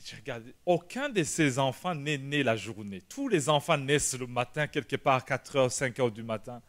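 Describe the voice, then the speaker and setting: A male pastor, telling a personal story in a sermon, animated and shouting at the dramatic moments. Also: medium pitch, moderate pace. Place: church prayer meeting.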